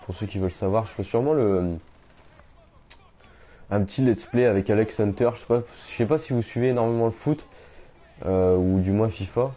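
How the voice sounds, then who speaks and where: A young man chatting casually on a game live stream, reading out viewers' messages and answering them in slangy, relaxed talk. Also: fairly low pitch, fairly quick, long pauses. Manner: slangy, reads chat aloud and answers viewers. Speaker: gaming streamer. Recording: dull lo-fi stream audio.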